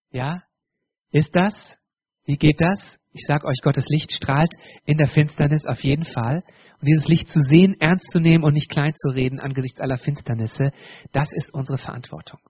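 Husky preacher man giving a sermon. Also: a little high, unhurried, dry recording, highs cut off. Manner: direct, addresses the congregation, many restarts. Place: church.

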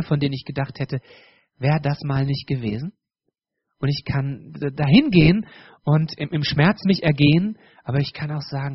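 Husky preacher man giving a sermon. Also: on the high side, dry recording, lo-fi sound. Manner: direct, addresses the congregation, many restarts. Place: church.

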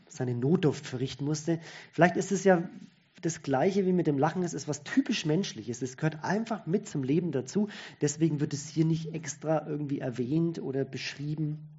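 Man, sermon-style talk, conversational, fairly high voice, lo-fi sound. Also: dark tone, slightly rough. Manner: conversational, thinking aloud with restarts.

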